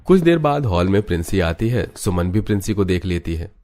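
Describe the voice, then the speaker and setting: A man's voice: low voice, sing-song, a little fast, mellow. A man narrating a scripted Hindi family drama in a plain storytelling delivery.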